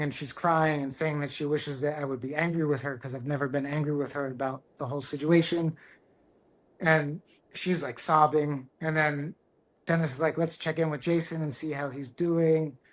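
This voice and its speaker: A man's voice: fairly high pitch, steady tone, a bit bright. Earnest middle-aged man telling his story. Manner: earnest and reflective, with halting restarts. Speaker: guest, tattoo artist. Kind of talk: candid personal storytelling.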